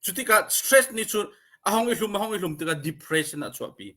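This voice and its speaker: High, bright-voiced man giving a slow talk. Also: animated. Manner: deliberate, mixes English terms into his speech. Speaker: speaker at a community support livestream. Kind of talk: informal educational talk.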